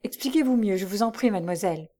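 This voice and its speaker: A woman's voice: mid-range voice, animated, fast talker, warm tone, natural voice. A woman reading aloud and voicing a poor young working woman who is bewildered at first and then fiercely indignant and impassioned. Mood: puzzled.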